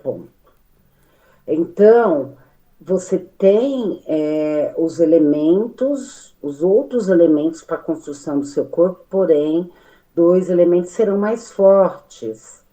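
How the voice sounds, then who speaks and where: A Brazilian woman speaking at a study meeting, animated and full of restarts and fillers. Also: on the low side, slow pace, rough recording. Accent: Brazilian Portuguese. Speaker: study group participant. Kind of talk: spoken reflection in a study meeting.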